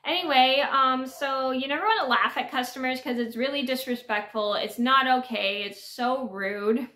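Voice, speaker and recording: A woman's voice: sits high, moderate pace, pushed and bright, reverberant. A woman in her thirties talking to a webcam in a small bedroom, giving earnest advice in a casual, repetitive way with many restarts. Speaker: vlogger. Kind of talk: casual talk to camera. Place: small bedroom with sloped ceiling.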